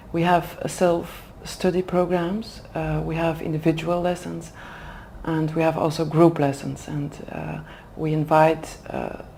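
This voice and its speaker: In an interview at an Oxford language school, a woman whose native language is Dutch answers in a second language with a deep, mellow tone. She works as an executive development manager and speaks cautiously, hesitating and stopping to find her words, over slight background noise.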